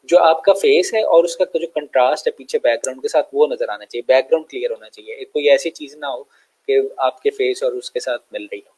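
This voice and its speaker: Man giving a relaxed screen-share lesson. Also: medium pitch, poor audio. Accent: Pakistani Urdu. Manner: relaxed, explanatory, many fillers and check-ins. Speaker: online tutor. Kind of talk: screen-share tutorial lecture.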